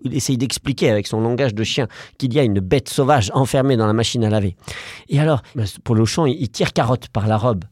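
A man improvising a bedtime story for a child at home, playful and animated with small hesitations. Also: medium pitch, a little fast, no echo, studio quality. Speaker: parent telling a bedtime story.

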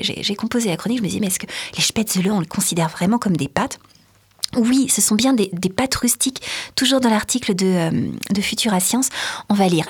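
A woman's voice: medium pitch, darkish tone, breathy edge. A woman chatting on a podcast as food columnist, enthusiastic and hesitant, with lots of fillers. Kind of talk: casual podcast chat.

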